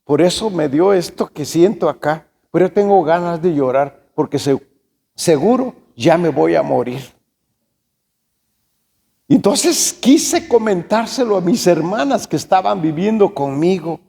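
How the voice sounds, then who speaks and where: A man preaches his own testimony in a high voice. He swings between loud, emotional passages and hushed ones. The voice trails off in a long hall reverb. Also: animated, measured pace, gravelly. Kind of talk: sermon testimony.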